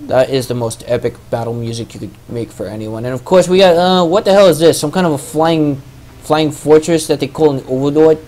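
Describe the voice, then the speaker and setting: A man's voice: a little high, brisk, a little mellow, a little hiss or hum. A young man casting a strategy video game match in a loose, joking, rambling way. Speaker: game caster. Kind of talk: casual esports commentary.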